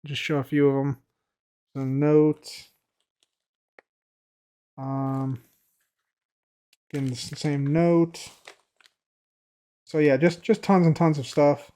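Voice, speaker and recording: A slow-talking man with a slightly high, fairly flat voice leaves long pauses as he chats on a live stream. He reads viewer questions out from chat and answers in a rambling, repetitive way packed with fillers, his voice a bit tired from heavy use and fading at phrase ends.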